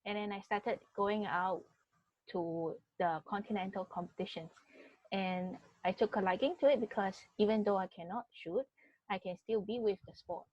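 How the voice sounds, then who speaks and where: A woman's voice: mid-range voice, moderate pace, no room sound. A woman from Singapore, a guest on a video call, speaking plainly with fillers. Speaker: guest, international judge. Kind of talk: casual chat. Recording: dull video call audio.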